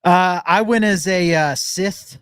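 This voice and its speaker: A man co-hosting a casual sports podcast over a video call, relaxed and prone to halting restarts. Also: sits high, smooth, dry recording, clean studio sound. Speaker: podcast co-host. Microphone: webcam call.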